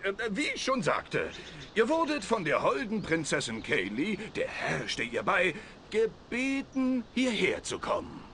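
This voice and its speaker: Kriecherischer, stammelnder Herold. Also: male voice, high voice, huge pitch swings, measured pace, sharp tone, slight background noise, exaggerated voice. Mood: flustered. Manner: obsequious, stumbling over his words. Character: fawning, stammering, nervous male herald. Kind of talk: video game dialogue.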